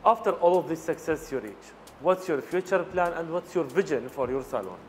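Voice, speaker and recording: A man's voice: a little high, expressive, moderate pace, a little hiss or hum. A man hosting a business interview show, asking formal, scripted questions. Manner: formal, scripted presenter phrasing.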